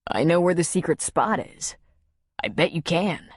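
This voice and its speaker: A woman narrator voicing a lovesick former marine, speaking softly and urgently in a low register. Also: expressive, normal speed, no room sound, clean studio sound. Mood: tender, pleading.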